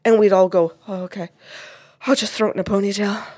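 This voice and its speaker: Woman therapist telling a family session story, acts out what everyone said, mid pitch. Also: quick pace. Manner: animated, acts out quoted dialogue. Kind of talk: casual storytelling about a client session.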